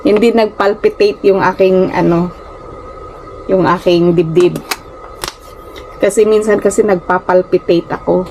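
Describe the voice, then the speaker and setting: Isang babaeng vlogger na lumaki sa Pilipinas at may puntong Pilipino, kaswal na nakikipagkuwentuhan sa mga manonood sa kanyang maliit na kuwarto, at paminsan-minsang nabubulol. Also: female voice, fairly low pitch, steady tone, measured pace, pauses often, darkish tone, slight background noise, low-quality recording. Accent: Filipino. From Philippines. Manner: chatty, often addresses viewers as guys, stumbles over words. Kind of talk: casual chat to viewers. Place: small rented room at home.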